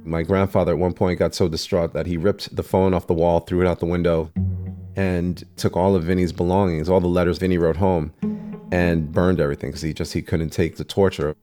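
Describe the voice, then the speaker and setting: A man's voice: low-pitched, level tone, brisk, dark tone, soft background music. A man telling a personal family story in an earnest, emotional way during an interview.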